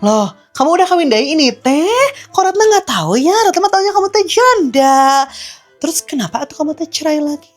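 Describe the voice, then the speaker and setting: A woman playing a chatty, kind-hearted young woman, scolding and teasing in an animated way for a comedy skit. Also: high voice, a little fast, soft background music.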